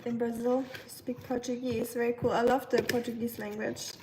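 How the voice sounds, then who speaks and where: This livestream host is a young woman with a German accent who chats casually and rambles while cooking in her kitchen, reading chat messages aloud between many ums. Her voice is on the high side with little pitch movement, at a normal speed. The background is noisy, with a distant mic picking up clinking dishes, pots and pans.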